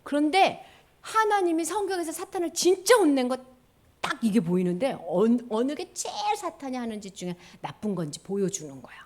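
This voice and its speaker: A woman giving an animated children's sermon, quizzing the children as she retells the story. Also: high voice, a little fast. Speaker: children's pastor.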